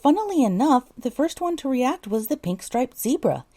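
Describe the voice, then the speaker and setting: Her voice sits high yet has a dark tone, and she sounds very animated at a moderate pace while recording an audiobook. Narrating a scripted story, she keeps stopping to correct herself, with exasperated mutters between takes.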